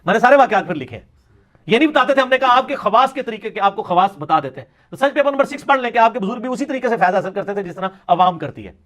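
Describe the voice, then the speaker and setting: High-voiced man lecturing sarcastically. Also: lively intonation, a bit bright. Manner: sarcastic, mocking, lapses into Punjabi quips. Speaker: religious speaker. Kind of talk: polemical religious lecture.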